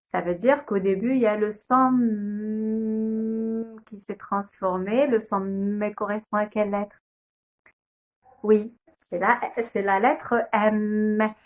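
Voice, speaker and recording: A young kindergarten teacher slowly and patiently sounds out letters and syllables in a phonics lesson video. Her voice is medium-pitched with a steady tone.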